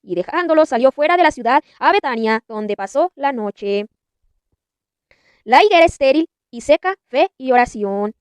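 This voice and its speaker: A woman reading scripture aloud in a measured, deliberate narration. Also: high-pitched, lively intonation, clean tone, dry recording. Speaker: Bible narrator.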